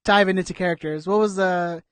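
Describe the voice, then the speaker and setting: High-voiced rambling man, casual. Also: steady tone, fairly quick, no room sound. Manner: rambling, lots of "like" and "dude". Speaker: podcast co-host. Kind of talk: casual chat.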